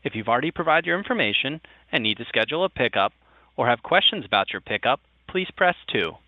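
A man's recorded automated phone menu, read politely at an even pace as a scripted greeting. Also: mid-range voice, fast, no room sound. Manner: polite, evenly paced menu reading. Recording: tinny dry phone line.

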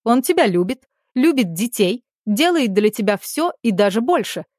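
A woman voicing an indignant middle-aged aunt who pleads and accuses loudly. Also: on the high side, very animated, moderate pace, no room sound, studio quality. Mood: accusing.

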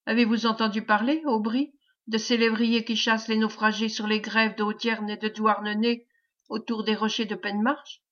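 A woman reading an audiobook, voicing a frightened but brave young woman who pleads in anxious, hushed tones. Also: fairly high pitch, level tone, normal speed. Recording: dull lo-fi recording.

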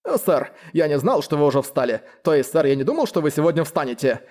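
A man's voice: a little high, big pitch swings, quick pace, darkish tone. A man voicing a pompous, fussy male official who talks in stiff bureaucratic phrases in an audiobook. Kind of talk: audiobook character voice.

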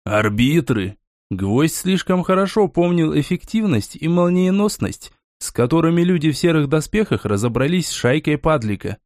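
Guy reading an audiobook, bit higher voice, dry close sound. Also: normal speed, few pauses, no echo. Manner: steady storytelling. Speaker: audiobook narrator. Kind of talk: scripted narration.

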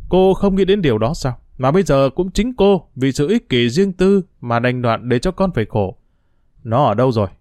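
A man's voice: mid-range voice, a little mellow, no echo, natural voice. A man reading a story aloud and voicing an angry, reproachful man who accuses a woman. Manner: harsh, reproachful.

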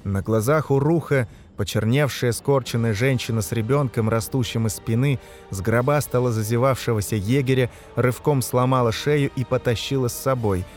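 A man reading a dark fantasy novel aloud as narrator, shouting the characters' lines in the battle scenes. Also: mid-range voice, normal speed, faint music behind. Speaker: audiobook narrator. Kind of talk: scripted narration.

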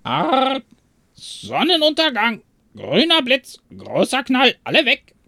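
A man's voice: very high-pitched, huge pitch swings, slow, gravelly, bright, forceful tone, no echo, pitched above the performer's own voice, exaggerated voice. A man doing a squawking cookie-hungry parrot. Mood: squawking, eager. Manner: squawks short clipped words with "arr". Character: scrawny squawking parrot, female, cookie-obsessed. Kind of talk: audio story narration.

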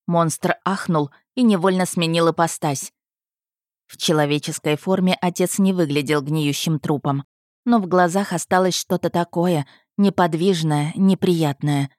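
A woman narrating a first-person fantasy audiobook in a measured, tense manner. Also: lowish voice, steady tone, a little mellow, no room sound, studio quality.

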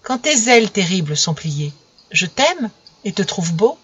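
A woman voicing a gentle, fragile female rose in a storybook reading, soft and pleading, in a dull lo-fi recording. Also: mid-range voice, very animated, unhurried, slightly rough. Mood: tender pleading.

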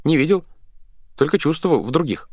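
A man voicing an odd, calm-spoken boy cabin hand in a read-aloud story, high and animated. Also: brisk, dry recording. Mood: explaining. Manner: high, animated, matter-of-fact explaining.

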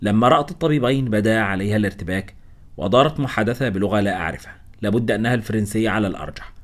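A man reads a scripted first-person story for an audiobook, keeping a steady storyteller's manner. His voice is lowish and he speaks very fast.

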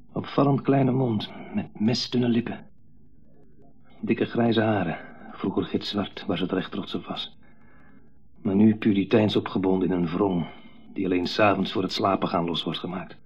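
An actor in a 1970s radio play voices a bitter adult son under his mother's domination, giving a brooding, intense monologue. His gravelly, husky voice sits lowish with a slightly mellow tone, fully in character. The broadcast audio sounds dull.

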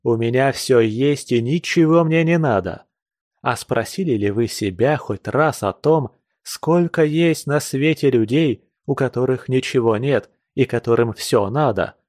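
A man's voice: mid-range voice, a little slow, a little mellow, no echo, clean studio sound, lightly acted. A man reading a classic novel aloud, voicing a passionate, earnest young nobleman with urgent, lecturing speech. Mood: fervent.

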